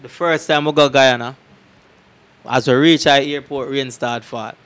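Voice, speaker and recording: An interview guest who is a dancer looks back on his tours in casual patois storytelling, his voice mid-range, a bit bright, unhurried, and fairly even in intonation. The man has a Jamaican accent, speaks emphatically into a handheld microphone, and often checks the listener follows. Clear ambience and background noise surround him.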